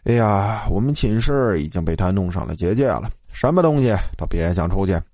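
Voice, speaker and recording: A man voicing a superstitious, hot-tempered male college student who talks gruffly and swears. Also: deep voice, animated, brisk, darkish tone, dry recording, voice pushed down. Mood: offhand.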